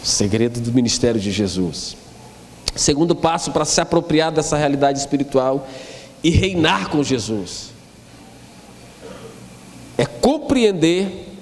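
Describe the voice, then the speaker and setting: A man preaching a sermon with a gravelly, somewhat high voice that swings between shouts and low acted-out quotes. His voice rings through a large hall with a long echo and a faint background hum. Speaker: pastor.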